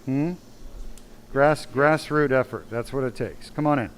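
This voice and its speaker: A man's voice: mid-range voice, measured pace, a little hiss or hum, low-quality recording. A man, a spine surgeon, giving a blunt, emphatic live question-and-answer talk full of rhetorical questions.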